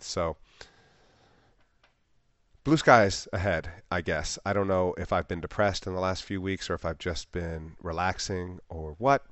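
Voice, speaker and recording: A man hosting a casual podcast, a stand-up comic who talks in a relaxed way with lots of "uh" fillers. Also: lowish voice, no room sound.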